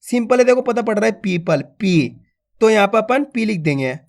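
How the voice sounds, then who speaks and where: A man's voice: high-pitched, lively intonation, moderate pace. A man teaching Hindi reading, spelling words out syllable by syllable and then blending them, asking and answering his own questions. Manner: addresses viewers as friends, asks and answers his own questions. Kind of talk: slow syllable-by-syllable reading lesson.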